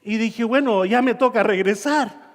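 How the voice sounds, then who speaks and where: A man preaching a sermon, telling a personal story and acting out his own shouts and dialogue, in a church hall. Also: very high voice, a little slow. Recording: long reverb of a church hall.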